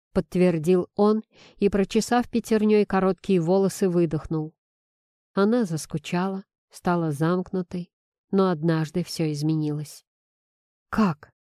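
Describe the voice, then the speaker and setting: A woman calmly narrating a first-person story as an audiobook reader. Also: fairly low pitch, no echo, clean studio sound.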